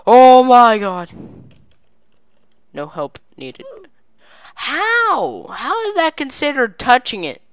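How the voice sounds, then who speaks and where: A woman giving casual gameplay commentary at her computer, goofy and chatty, breaking into excited cheers, on a desk mic. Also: sits high, slow pace, long pauses, clear, resonant tone, no room sound, clean studio sound. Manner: excited squealing "yay" cheers and laughter; playful goofy broken phrasing. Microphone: desk microphone.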